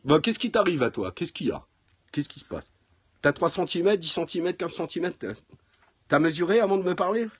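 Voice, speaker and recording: A man's voice: sits high, lively intonation, fairly quick, slightly rough, no echo. A man hosting a livestream from home, taking calls and mocking the callers with crude, repetitive taunts and frequent laughter. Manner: taunting, laughs often, repeats himself. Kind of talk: crude mocking phone banter. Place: at home, indoors.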